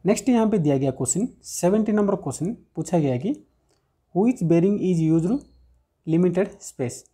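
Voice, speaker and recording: Guy going thru exam questions on a screen recording, darkish husky voice, reads questions slow. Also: high voice, lively intonation, warm tone. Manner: reads questions slowly, then explains step by step. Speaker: technical teacher. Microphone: screen recording voice-over.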